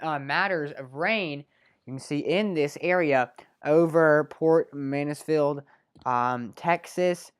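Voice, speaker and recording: A woman presenting a live weather segment in a small local TV studio, talking off the cuff with many fillers and self-corrections. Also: fairly low pitch.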